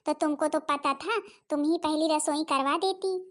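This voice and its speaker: A woman's voice: high-pitched, moderate pace, a bit bright. A woman voicing a hardworking, put-upon elder daughter-in-law in a cartoon, pleading and defensive. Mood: calm.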